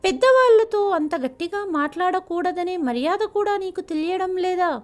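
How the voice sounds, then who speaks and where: A woman's voice: very high-pitched, expressive, normal speed, faint music behind, voice pushed up. A woman voicing a caring middle-aged mother who pleads with and scolds her son. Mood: hurt scolding.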